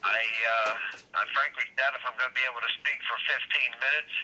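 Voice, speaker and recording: Man over a speakerphone, bronchitis, halting speech with many pauses, bright tense tone, dull lo-fi sound. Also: mid-range voice, steady tone. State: sick with bronchitis. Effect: heard over a cell phone speakerphone. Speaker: political candidate addressing a convention. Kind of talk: prepared speech to a gathering.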